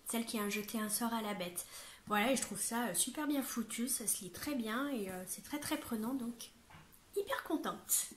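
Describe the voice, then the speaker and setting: Young woman vlogger, bright higher voice, bubbly and chatty, room echo. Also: a little hiss or hum. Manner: chatty, bubbly, laughs often, many fillers. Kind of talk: casual chat. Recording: echoey room.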